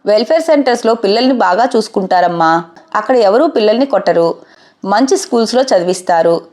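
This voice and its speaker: A woman voicing a gentle, worried grandmother in her sixties who soothes her grandson with a tender voice. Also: medium pitch, expressive, brisk, close to an everyday voice. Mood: comforting.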